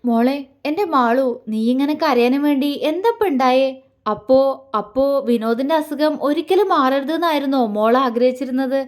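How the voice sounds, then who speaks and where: A woman narrator voicing a caring, protective older-brother figure who speaks tenderly and coaxingly, in her own fairly high voice. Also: moderate pace, lightly acted. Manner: tender, coaxing, gentle questioning.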